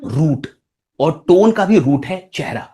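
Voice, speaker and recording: Animated male speaking coach. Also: fairly high pitch, slow pace, slightly rough. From India. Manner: animated, swings between loud and soft, keeps asking "right?". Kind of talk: motivational masterclass lecture.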